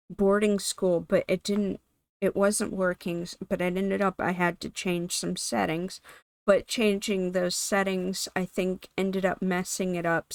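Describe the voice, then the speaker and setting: Hoarse woman with a gravelly low voice. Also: dry recording. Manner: meandering, self-correcting, chatty. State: losing her voice, sick. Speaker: gaming channel host. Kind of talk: casual gameplay voice-over commentary.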